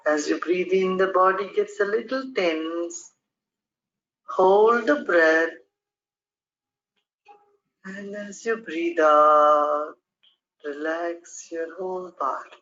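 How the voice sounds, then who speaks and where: Slow calm meditation guide talking you through breathing, muffled lo-fi audio. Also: mid-range voice. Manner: calm, measured breathing instructions. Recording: dull lo-fi recording.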